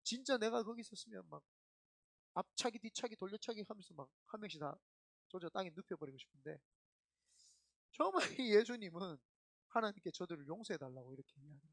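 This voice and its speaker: A middle-aged man, a senior pastor, preaching a sermon in an emphatic, animated storytelling way. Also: high-pitched, fairly quick, vocal fry, pauses often, dry recording, clean studio sound.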